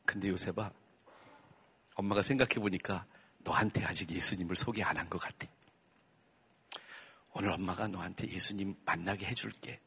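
A man voicing a gentle, patient mother who speaks softly and slowly to comfort her crying son. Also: sits low, fairly even intonation, vocal fry, breathy edge, pitched below the performer's own voice, full character voice. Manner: soft, slow, hushed tenderness.

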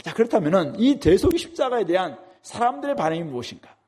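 A man's voice: sits high, sing-song, quick pace, a little mellow, slightly rough. A man preaching a sermon as a pastor, speaking emphatically and asking rhetorical questions.

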